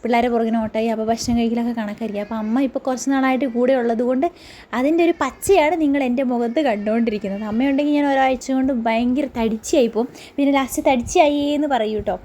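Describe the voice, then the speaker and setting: A woman's voice: on the high side, rapid-fire, dark tone, a little hiss or hum. A woman vlogger narrating her day in a rambling, chatty voice-over, full of tag words.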